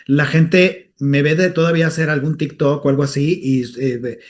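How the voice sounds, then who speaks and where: Animated man telling stories. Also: on the high side, moderate pace. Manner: animated storyteller who slips into character voices. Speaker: comedian and voice actor, guest. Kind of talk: casual interview chat.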